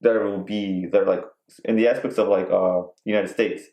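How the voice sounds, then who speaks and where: A man with a lowish voice talks in a loose, rambling way, full of ums and quick asides, joking now and then. He sounds like he is in a bare, echoey room. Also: level tone, warm tone. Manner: rambling, filler-heavy, joking. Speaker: podcast co-host. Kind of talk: casual chat.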